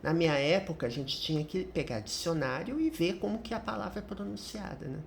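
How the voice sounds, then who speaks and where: A woman's voice: lowish voice, animated, fairly quick, gravelly, a little hiss or hum. A middle-aged woman with a Brazilian Portuguese accent teaching English through a commented reading, explaining each point and often ending with a tag question.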